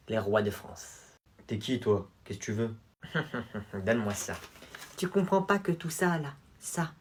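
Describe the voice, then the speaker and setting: A man voicing a haughty aristocratic schoolboy who talks slowly and condescendingly. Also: fairly high pitch, noisy background, natural voice. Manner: pompous, slow, condescending. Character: haughty aristocratic boy, self-styled king's heir.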